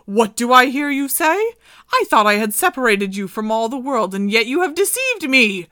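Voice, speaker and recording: A woman voicing a jealous old enchantress who scolds and mocks in a loud, shrill voice. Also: sing-song, normal speed, no room sound, clean studio sound. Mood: furious.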